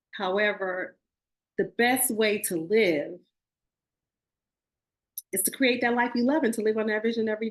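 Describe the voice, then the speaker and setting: A woman in her forties hosting a spiritual podcast, talking earnestly to her listeners and often restarting and correcting herself. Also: medium pitch. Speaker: podcast host. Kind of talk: casual spiritual talk.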